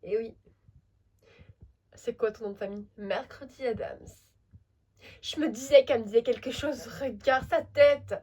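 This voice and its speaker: A woman's voice: a little high, unhurried, pauses often, a little mellow, slightly rough. Woman doing a laid-back teenage boy. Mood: casual.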